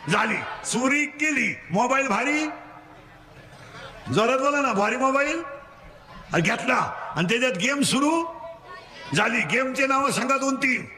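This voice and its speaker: A Marathi-accented man delivering a comic kirtan sermon in a very high voice. He works the crowd in quick call-and-response and scolds the schoolboys with playful mockery. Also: pushed and bright. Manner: rapid call-and-response, drilling the crowd to answer. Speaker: kirtan preacher.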